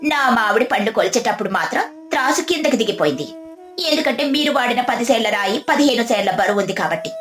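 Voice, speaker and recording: A woman's voice: on the high side, animated, quick pace, fairly bright tone. Woman voicing Gouri, a sly clever village wife. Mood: triumphant. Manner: pointed, mock-polite, then scolding. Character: clever young village wife, bold and sharp. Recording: echoey, faint music behind.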